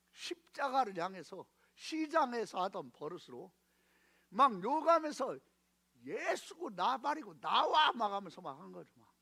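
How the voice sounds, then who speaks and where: A man preaching a Sunday sermon in a church, telling a story and calling for answers from the congregation. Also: sits high. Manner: storytelling with animated swings from hushed to shouted; call-and-response with the congregation. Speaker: pastor. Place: church sanctuary.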